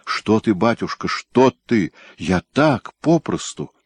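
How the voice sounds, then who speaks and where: A man voicing a timid, deferential young prince in an audiobook, speaking in a soft, pleading way. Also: on the low side, very animated, slow pace, breathy edge, dry recording, voice pushed up, full character voice. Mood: meek. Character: timid, meek young male prince, eager to please.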